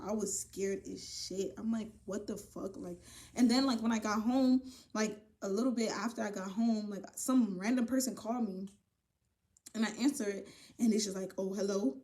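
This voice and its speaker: A young woman casually telling a personal story to her viewers, animated and profane, often calling them y'all. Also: mid-range voice, normal speed. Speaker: vlogger. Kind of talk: storytime vlog.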